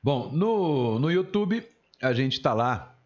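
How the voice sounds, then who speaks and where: A man's voice: medium pitch, big pitch swings, slow. A man hosting a live show, teasing his co-host in a joking, playful way. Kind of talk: joking live broadcast chat. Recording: dull lo-fi broadcast audio.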